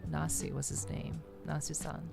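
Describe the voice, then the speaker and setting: A woman VTuber chats casually with her livestream audience, thinking aloud and often repeating herself. Her voice is low and level in tone, at normal speed with vocal fry, heard over loud music.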